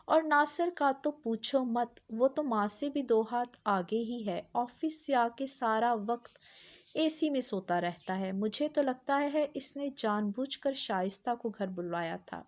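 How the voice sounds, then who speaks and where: A woman's voice: fairly high pitch, lively intonation, lightly acted. A woman voicing a resentful older mother who complains with scorn about her family. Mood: scornful.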